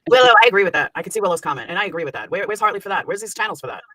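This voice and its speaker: A woman's voice: medium pitch, lively intonation, rapid-fire, bright, forceful tone, dry recording, recorded from a distance. A woman in her fifties gossiping casually, blunt and emphatic, as a livestream guest. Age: 50s.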